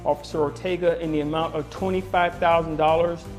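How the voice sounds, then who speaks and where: A man's voice: on the high side, fairly even intonation, a little fast, soft background music. A man presiding as a judge, questioning people in a formal, firm manner. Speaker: TV court judge. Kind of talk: courtroom questioning.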